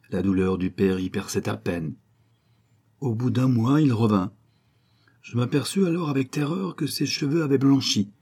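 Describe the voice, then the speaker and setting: A man reading the part of a grieving, anguished noble mother in an audiobook, with a husky voice and a solemn way of telling. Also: fairly low pitch, dark tone.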